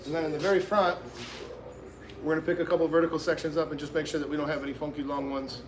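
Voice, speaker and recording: A man's voice: a little high, flat delivery, fast, roomy sound, a crowd in the background. A man hosting a live haircut tutorial as a barber, talking casually and in slang straight to his viewers. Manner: informal, slangy, addresses viewers directly. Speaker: barber and livestream host giving a haircut tutorial.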